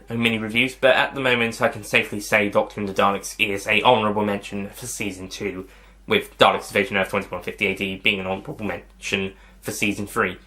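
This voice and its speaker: A man with a lowish, sharp-toned voice hosts a casual video review channel. He addresses viewers in a rambling, hesitant manner, frequently rephrasing what he says.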